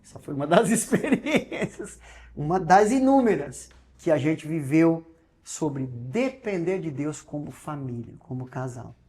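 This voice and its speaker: A man with a Brazilian Portuguese accent, a pastor telling a personal testimony in an interview, acting out the dialogue and swinging between loud and hushed. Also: a little high, lively intonation, measured pace.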